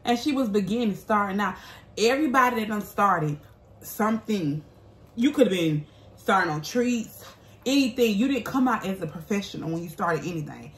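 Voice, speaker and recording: Speaking at a normal speed with medium pitch and lots of expression, this thirtysomething vlogger and mukbang host talks casually, bluntly and emphatically, giving sassy replies to viewer comments. The small, bare-walled home room adds a roomy echo and faint background noise.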